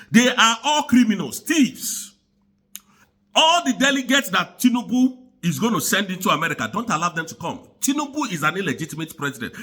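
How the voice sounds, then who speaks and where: A man's voice: on the high side, pushed and bright, breathy edge. A man, giving an angry, repetitive political rant straight to his audience. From Nigeria. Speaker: commentator.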